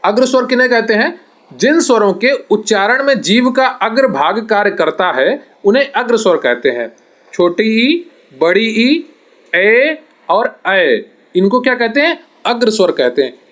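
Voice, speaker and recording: A man's voice: sits high, animated, normal speed, a bit bright. A man teaching an exam-prep grammar lesson, repeating definitions and asking and answering his own questions.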